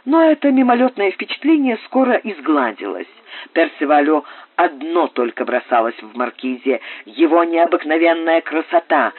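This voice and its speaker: A man narrating an audiobook in a measured, expressive reading. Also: on the high side, slightly rough, dry recording. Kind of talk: scripted narration. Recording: dry, phone-like narrow sound.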